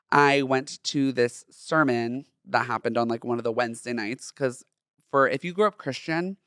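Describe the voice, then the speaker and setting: A young adult man from Southern California runs a solo personal podcast, talking in a chatty, expressive, campy style. His light, feminine voice sits at medium pitch with a clean tone, recorded at studio quality with no room sound.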